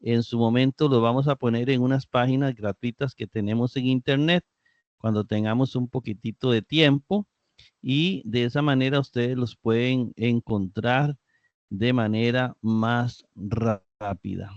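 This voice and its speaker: A man teaching a live online grammar lesson in a slow, deliberate way, sounding words out syllable by syllable. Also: mid-range voice, steady tone, dry recording, muffled recording. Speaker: Greek teacher.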